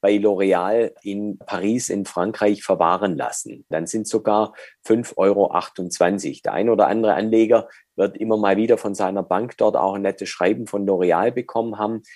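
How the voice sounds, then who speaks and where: A man explaining dividends and withholding tax as an interview guest, measured and with frequent hesitations. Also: lowish voice, a little mellow, no room sound, studio quality.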